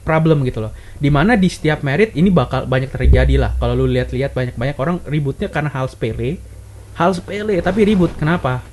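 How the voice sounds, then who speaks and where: A man's voice: fairly high pitch, expressive, fast, a little mellow. Chatty man with faint room hiss. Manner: explains at length, acts out examples in a raised voice. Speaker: podcast co-host. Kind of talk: casual chat.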